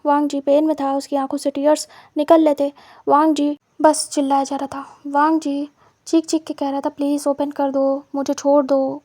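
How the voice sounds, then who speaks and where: Female storyteller, high flat mellow voice, dry close sound, plain repetitive narration. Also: no echo.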